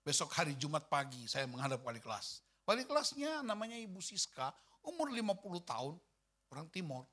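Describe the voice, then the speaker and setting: A male pastor preaching a church sermon, telling a personal story in an animated way and acting out the dialogue. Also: on the high side, fairly quick. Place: church service.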